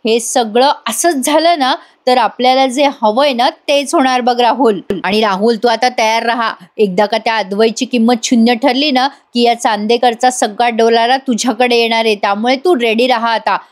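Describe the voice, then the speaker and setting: A scheming, spiteful mother, as a woman reads her lines aloud, plotting and gloating in a higher woman's voice. She sounds like a TV serial villain retold by a reviewer. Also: fairly even intonation, moderate pace, hardly any pauses, close to an everyday voice. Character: scheming middle-aged mother, cunning and spiteful.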